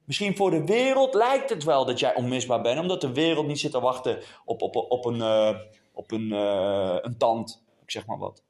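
A man preaching a passionate sermon to a congregation, dropping to a hush and then rising to a near shout. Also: mid-range voice, animated, moderate pace. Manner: passionate, swings from hushed to raised. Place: church hall before a congregation.

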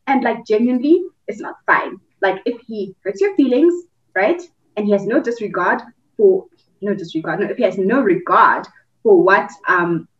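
Young woman, reflective casual chat, mid-pitched voice, muffled recording, set back from the mic. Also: animated, moderate pace, recorded from a distance. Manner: reflective, mimics others in high voices.

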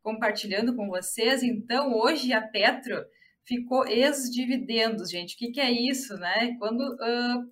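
A woman's voice: fairly high pitch, measured pace, a bit bright. A woman with a Rio Grande do Sul accent giving live market commentary as a chart analyst, chatty and often addressing viewers directly. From Rio Grande do Sul, Brazil.

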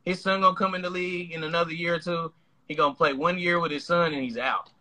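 Podcast dude, bright forceful voice, cussing loud. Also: male voice, fairly high pitch, fairly even intonation, fast. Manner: loud, profane, emphatic. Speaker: podcast co-host. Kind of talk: casual chat.

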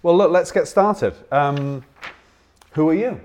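A man's voice: on the high side, takes it slowly, darkish tone. A man hosting an interview, asking questions and backing the guest with frequent affirmations. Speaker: interviewer, co-founder of the show. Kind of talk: interview conversation.

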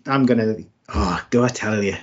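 Brief: middle-aged co-host, lowish voice, friendly matey banter, muffled recording. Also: male voice, moderate pace. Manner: friendly, says "mate" a lot. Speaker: podcast co-host. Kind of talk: casual chat. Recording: dull lo-fi sound.

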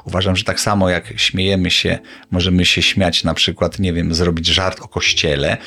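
A middle-aged man co-hosting a casual chat, animated and laughing often. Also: moderate pace. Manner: animated storyteller, laughs often, jumps up in pitch when excited. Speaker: podcast co-host.

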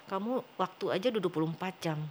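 Fast-talking woman telling her story. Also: lowish voice, a little hiss or hum. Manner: animated, acts out quoted dialogue. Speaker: interview guest. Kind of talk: personal storytelling in conversation.

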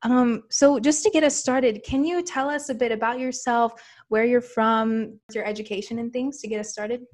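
A woman's voice: fairly high pitch, fairly even intonation, moderate pace, a little mellow. A woman hosting a podcast, introducing her guest and asking questions in a friendly, upbeat way. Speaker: podcast host. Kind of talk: casual interview hosting.

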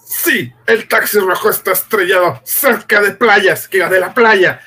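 A male actor playing an authoritative army general with a husky, commanding delivery in an old radio drama. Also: high voice, a little slow, sharp tone, heavily acted.

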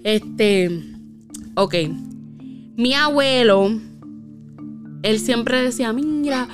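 A woman's voice: fairly high pitch, normal speed, a bit bright, soft background music. A woman casually telling a spooky personal story, with lots of fillers and tag questions.

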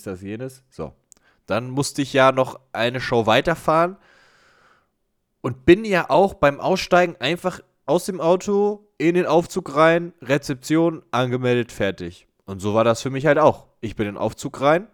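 Lively man telling a story. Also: medium pitch. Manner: animated, acts out dialogue, quick asides. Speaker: podcast co-host. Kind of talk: casual storytelling chat.

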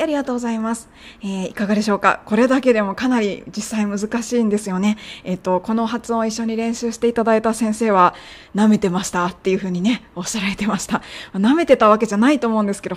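A young woman casually teaching English pronunciation of medical terms, drilling the sounds slowly. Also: mid-range voice. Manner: friendly, chatty coaching, drilling sounds slowly. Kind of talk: casual podcast lesson.

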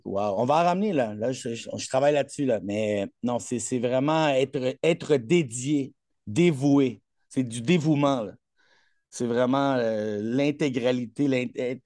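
A man's voice: mid-range voice, dark tone, dry recording, studio quality. A man with a Québécois accent, a coach chatting in an interview, boastful and rambling with many fillers. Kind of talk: casual interview chat.

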